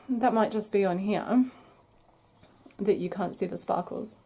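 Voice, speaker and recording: A woman hosting a crochet podcast, chatting casually to camera with a croaky throat she keeps clearing, apologetic and self-deprecating. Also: medium pitch, takes it slowly, mellow. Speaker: podcast host.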